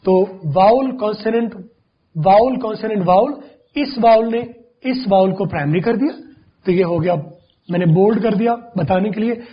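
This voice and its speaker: A man with a high, husky voice gives a patient pronunciation lesson. He repeats each word and sound slowly, over and over, to demonstrate it. The recording is dull and lo-fi. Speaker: English pronunciation teacher. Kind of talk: classroom-style explanation.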